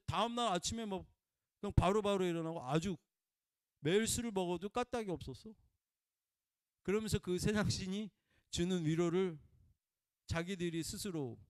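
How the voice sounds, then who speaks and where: A man preaching a conversational sermon in a folksy way, prompting listeners with "eh?" and swinging between loud emphatic bursts and quiet murmurs. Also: sits high, no echo, studio quality. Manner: folksy, peppers talk with prompting "eh?" to the congregation.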